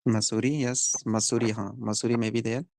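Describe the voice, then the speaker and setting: A man's voice: mid-range voice, level tone, measured pace, vocal fry, a little mellow, dry recording, clean studio sound. A young man teaching a phonics lesson in a classroom, explaining step by step and asking the class questions.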